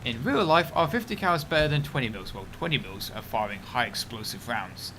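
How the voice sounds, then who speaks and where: Give me a young man doing casual game-stream commentary, rambling and animated, with a very lively voice. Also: mid-range voice, a little fast, noisy background. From United Kingdom. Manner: rambling, chatty, breaks off to react to the game.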